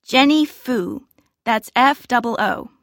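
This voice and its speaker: An actress playing a young woman in her twenties who is signing up for a club, speaking clearly in a scripted listening dialogue. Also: on the high side, expressive, takes it slowly, a bit bright, dry recording, studio quality, exaggerated voice. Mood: friendly. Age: 20s. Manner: clear, careful, spells out words. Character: young woman applicant, friendly and polite. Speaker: applicant joining a social club. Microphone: close studio mic.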